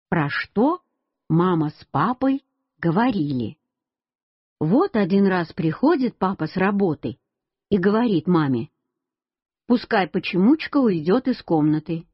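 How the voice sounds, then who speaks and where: A woman reads a children's story aloud in the first person, speaking as a little boy. Her voice is husky and breathy. The recording is dry, close and dull, with a lo-fi sound. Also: mid-range voice, dry recording. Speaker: reader.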